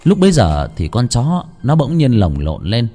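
A man narrating a village ghost story in a hushed, suspenseful storytelling manner. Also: mid-range voice, huge pitch swings, moderate pace.

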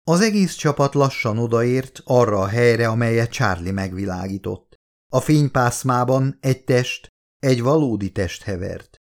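A man narrates an audiobook with steady, measured storytelling. His pitch sits in a middle range for a male voice. The delivery is even and unhurried. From Hungary. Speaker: author reading his own audiobook.

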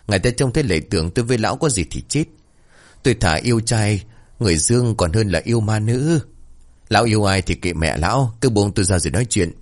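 A man voicing a gruff, short-tempered old former village shaman who scolds and curses. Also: fairly low pitch, lively intonation, quick pace. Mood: angry.

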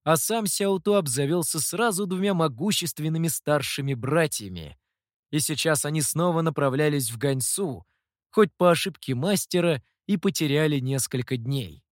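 A man's voice: fairly high pitch, animated, moderate pace, no echo, studio quality. A man narrating an audiobook, reading expressively in a storytelling manner. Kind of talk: scripted narration.

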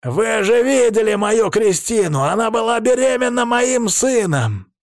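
A man voicing an enraged older male crime-family head who barks his lines and turns shrill when he yells. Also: brisk, no room sound, studio quality, lightly acted. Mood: furious. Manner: barking, shrill when yelling.

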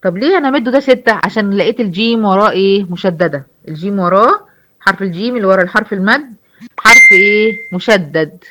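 Woman, Egyptian accent, quick delivery, mid-range voice, online class teacher, quizzes the class and answers herself. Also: medium pitch, sharp tone. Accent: Egyptian Arabic. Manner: explanatory, asks the class questions and answers them herself. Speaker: Quran recitation teacher. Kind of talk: online lecture.

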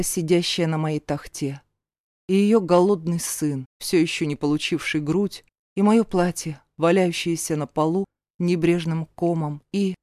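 Lady reading a first-person novel, steady, dry close sound. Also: lowish voice, no echo. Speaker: audiobook narrator.

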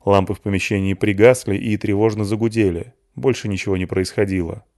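A man narrating a science fiction audiobook with a low voice. His reading is steady and dramatic. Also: brisk.

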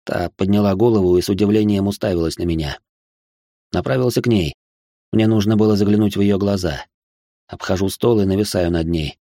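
A man with a low voice reads a first-person novel aloud. His delivery is stern and clipped in the dialogue, and the recording is dry and close. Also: fairly quick, dark tone, no room sound. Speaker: audiobook narrator.

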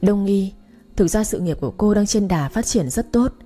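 A man's voice: sits high, lively intonation, normal speed, mellow, soft background music. A woman voicing a stern male military superior who urges in an earnest, persuasive way.

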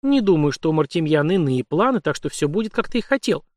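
A man voicing a calm, shrewd middle-aged empress who reasons coolly, in an audiobook. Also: a little high, quick pace, dry recording, clean studio sound. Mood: calm, steely.

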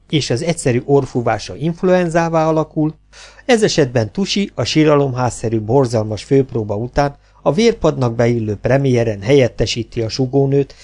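A man narrating a comic novel as an audiobook, in an even, wry storytelling manner. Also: mid-range voice. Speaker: audiobook reader.

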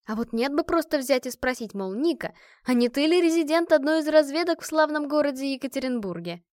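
A woman voicing a smart woman scholar who talks in an instructive, gently teasing way. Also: sits high, expressive, a little fast, no echo, clean studio sound, voice pushed up.

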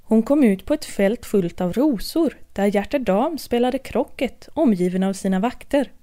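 A woman narrating a children's storybook at a gentle, even pace. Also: on the high side.

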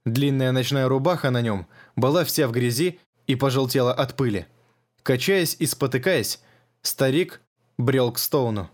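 A male narrator reads an audiobook at a measured, even pace. His voice is mid-pitched and steady, and his delivery stays controlled throughout. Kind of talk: scripted narration.

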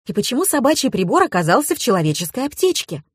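Excitable loud-mouthed lady, always exclaiming, read by a woman. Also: fairly high pitch, slightly rough, dry recording, studio quality, voice pushed up. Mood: excited. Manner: exclaiming, quick to outrage. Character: excitable, outspoken woman friend.

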